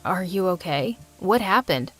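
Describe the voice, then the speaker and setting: A woman voicing a gentle, caring teenage boy in an animated story, speaking softly and tenderly. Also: lowish voice, unhurried, soft background music.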